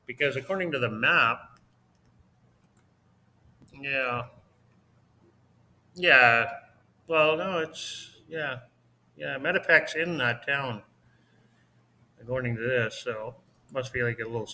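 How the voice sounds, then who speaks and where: A man co-hosting a casual livestream chat from his home, talkative and quick to laugh. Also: mid-range voice, pushed and bright. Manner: chatty, laughs often. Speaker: livestream co-host. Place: home in Mexico.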